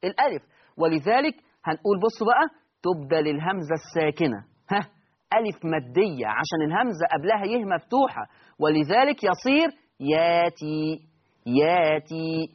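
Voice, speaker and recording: Egyptian male teacher, high voice, quizzes his class as he explains the rules, dull lo-fi recording. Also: sing-song, fast, slightly rough. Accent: Egyptian Arabic. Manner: explains step by step, asks students questions and answers them himself. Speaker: Quran recitation teacher. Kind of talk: recorded lesson.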